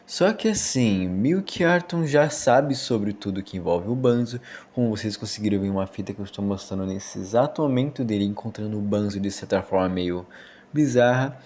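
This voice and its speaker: A man with a Brazilian accent narrates a video essay, giving storytelling commentary on a horror series over background music. His voice sits on the low side and is a little mellow, delivered at a moderate pace with an animated feel.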